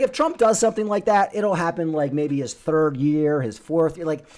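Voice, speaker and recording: Male crypto bro host, slightly raised pitch, off-the-cuff market talk, opinionated, hype-driven and blunt. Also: darkish tone. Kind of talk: casual off-the-cuff market commentary.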